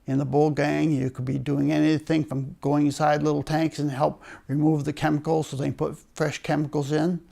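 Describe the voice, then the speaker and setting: A man's voice: a little high, level tone, brisk, creaky, few pauses, warm tone. An older man with a Maine accent, a retired worker telling stories from his working life in a wry, understated way. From Maine, United States. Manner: wry, understated humour with chuckles. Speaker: retired paper mill worker being interviewed. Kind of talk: oral history storytelling.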